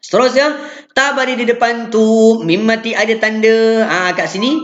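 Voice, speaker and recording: A man's voice: very high voice, steady tone, normal speed, a bit bright, roomy sound, muffled recording. A man with a Malaysian Malay accent teaching Quran recitation in a live lesson, patiently explaining and then chanting each sound as an example.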